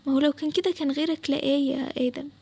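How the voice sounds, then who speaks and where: A woman's voice: high-pitched, fairly even intonation, vocal fry, mellow. A woman with an Egyptian accent voicing a frightened, cautious young girl who pleads anxiously. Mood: scared worried. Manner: worried pleading, quick. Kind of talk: storytelling for an animated game video.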